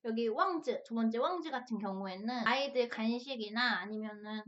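A woman's voice: on the high side, normal speed, a bit bright, highs cut off. A woman hosting a casual mukbang review, talking as she tastes crunchy chips and snacks. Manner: tasting and eating chips and snacks while talking.

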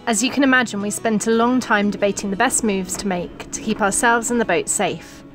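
A woman giving calm, measured scripted voice-over narration. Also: mid-range voice, over music.

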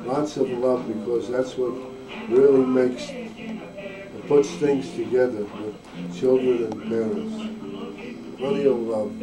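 A man's voice: medium pitch, steady tone, slow, pauses often. This is an older man, a grandfather, who speaks in short, plain sentences. He is heard on old VHS home-video tape, captured from across an echoey room with music in the background. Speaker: grandfather and navy veteran. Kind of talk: family home-video interview. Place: family home at Christmas. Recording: echoey, distant camcorder mic with music behind.

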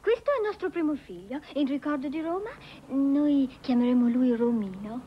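A woman's voice: sits high, animated, moderate pace, slight background noise. An actress playing a sweet, doting young girlfriend who speaks broken Italian in a cooing way. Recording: dull old film soundtrack.

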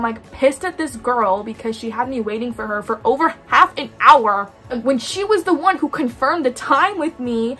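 Animated young woman telling a story. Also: on the high side. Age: young adult. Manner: animated, talks in quoted asides, frequent "like". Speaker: vlogger. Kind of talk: casual storytime chat.

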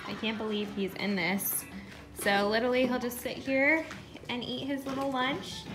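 A woman's voice: fairly high pitch, fairly even intonation, moderate pace. A young woman in her twenties vlogging from her kitchen into a handheld phone, chatty and upbeat, with asides to her toddler. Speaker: vlogger and mom. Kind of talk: casual vlog talk to camera. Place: home kitchen and living room. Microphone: phone camera held at arm's length. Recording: echoey room with music.

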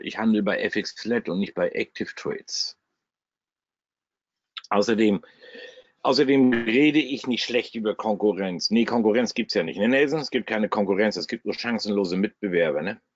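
A man speaking a German regional dialect, his voice on the low side, hosts a live trading webinar and talks bluntly and chattily, with salty humor, as he goes through what's on his shared screen. He's at a computer, and the webinar audio is dry and slightly dull.

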